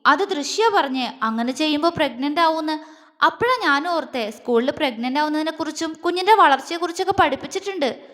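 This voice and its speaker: A woman voicing a timid, naive young woman who speaks hesitantly and pleads softly in an audio story. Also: sits high, animated, fairly quick, big-room sound. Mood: innocent.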